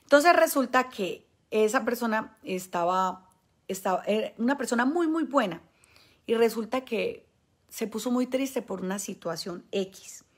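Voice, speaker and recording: A woman's voice: on the high side, lively intonation, a little slow. A Colombian woman, a spiritual healer, speaking emphatically to her viewers. She stresses points by repeating words. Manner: acts out the people she quotes. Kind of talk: monologue addressed to viewers.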